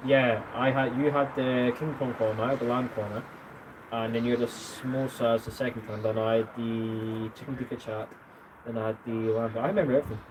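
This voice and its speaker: A man's voice: medium pitch, fairly even intonation, fairly quick, noisy background. A man chatting casually and teasingly on an outdoor live stream, recalling trip details eagerly. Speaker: co-host of a travel live stream.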